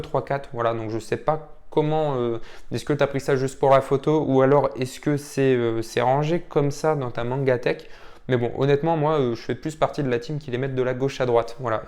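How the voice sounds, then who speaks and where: A man's voice: medium pitch, darkish tone. Chatty man rambling with fillers. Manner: rambling, many fillers and "voilà". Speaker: manga YouTuber. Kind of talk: casual commentary on viewers' manga purchases.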